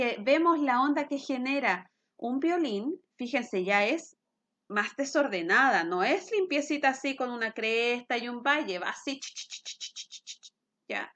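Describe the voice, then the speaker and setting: A woman's voice: high voice, fairly bright tone. A middle-aged woman, teaching a physics lesson and checking in with her students as she explains. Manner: patient, explains with questions to students.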